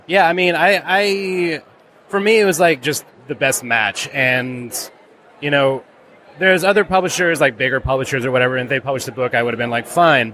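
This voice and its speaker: Brief: mid-pitched man, loose rambling talk, faint ambient noise behind. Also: pushed and bright. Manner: rambling, lots of "like" and restarts. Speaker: comics creator. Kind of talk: casual interview answers.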